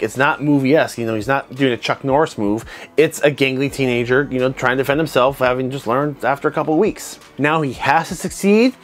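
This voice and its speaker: A man in his thirties, a martial arts instructor, talking to camera from a home studio on a lapel mic, giving animated, nitpicky commentary on a fight scene. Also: mid-range voice. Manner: animated, conversational, self-described nitpicker. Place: home studio room with desk lamp and monitors. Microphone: clip-on lapel mic.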